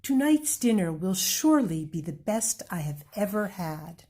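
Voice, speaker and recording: Generous picture-book grandma, slow and welcoming; woman reader voices her. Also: mid-range voice, big pitch swings, darkish tone.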